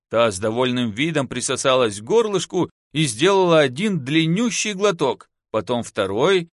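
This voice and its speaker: A man narrating an audiobook with expressive storytelling. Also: on the high side, no room sound, studio quality. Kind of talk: audiobook reading.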